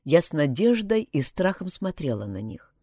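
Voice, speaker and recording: A woman reading a story aloud in a dramatic, expressive way. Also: sits low, moderate pace, no echo, studio quality.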